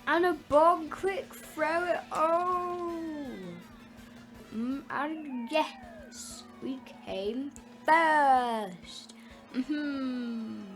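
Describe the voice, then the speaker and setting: A woman hosting a gaming video, giving playful kart racing commentary full of exclamations, oohs and little vocal sound effects. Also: high voice. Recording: game music under the voice. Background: video game music.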